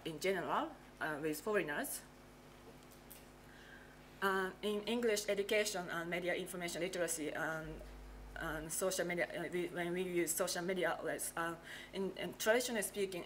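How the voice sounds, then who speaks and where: A woman in her forties from Japan giving a conference talk at a lectern with a handheld mic, pausing often with fillers and restarts. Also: on the low side, slight background noise, poor audio. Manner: hesitant, many fillers and restarts. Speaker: conference presenter, English teacher. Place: large lecture hall.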